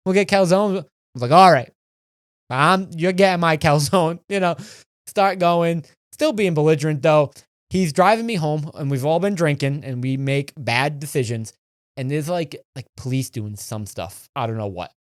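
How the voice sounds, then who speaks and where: A man's voice: fairly high pitch, no echo, studio quality. A young man in his twenties, a podcast co-host telling a rambling, profane story in casual chat.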